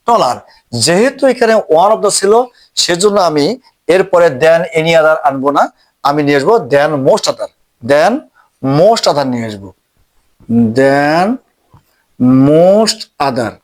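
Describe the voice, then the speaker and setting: A man teaching an English grammar lesson, speaking slowly and repeating each word as he writes it out. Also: on the high side. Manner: slow, repeats each word while writing it out.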